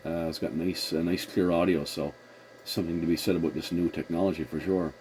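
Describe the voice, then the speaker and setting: On a noisy recording, this man keeps a CB radio conversation casual, following call procedure and rewording things as he talks. His voice sits low with fairly even intonation, a touch quick and a touch mellow; he's a CB operator and video host.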